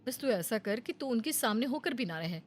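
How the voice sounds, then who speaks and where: A woman's voice: on the high side, expressive, moderate pace, slight background noise, close to an everyday voice. A woman voicing a young female friend in a storybook tale, confiding a playful plan. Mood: conspiratorial. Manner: confiding, conspiratorial. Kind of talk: Hindi storybook voice acting.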